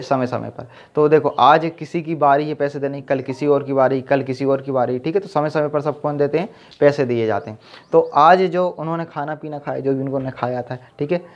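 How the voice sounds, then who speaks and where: Male tutor, fairly high voice on a muffled recording, drills lists with constant check-ins. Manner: repeats "ठीक है" and quizzes the viewer. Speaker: teacher. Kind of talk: exam-prep lesson with memory tricks. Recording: dull lo-fi sound.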